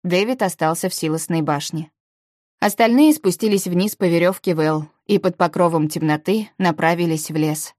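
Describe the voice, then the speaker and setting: Low-voiced woman narrating an audiobook. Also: a little mellow, dry recording, studio quality. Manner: measured storytelling. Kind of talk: first-person audiobook narration.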